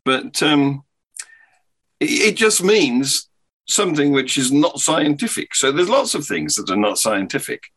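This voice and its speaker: A man chatting as a guest on a podcast, his voice bright and a little husky. His pitch moves a lot as he searches for words, stopping and restarting with thoughtful pauses. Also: very animated. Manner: halting, thoughtful, laughs often. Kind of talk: casual podcast chat.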